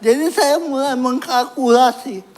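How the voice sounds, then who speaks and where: Slow-talking man giving a sermon testimony. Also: very high voice, a crowd in the background, background noise. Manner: self-mocking, laughs at his own story.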